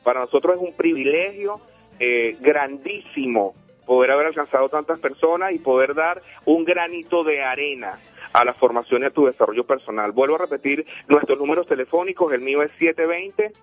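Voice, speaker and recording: Over soft background music and a tinny, phone-like line, a radio host from Venezuela delivers a motivational show. He's preachy and emphatic, repeating himself and the phone numbers, in a slightly high, brisk voice.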